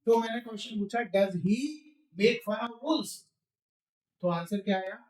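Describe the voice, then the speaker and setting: A man teaching spoken English, drilling phrases slowly and quizzing the viewer. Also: high voice, steady tone, a little mellow, roomy sound, poor audio.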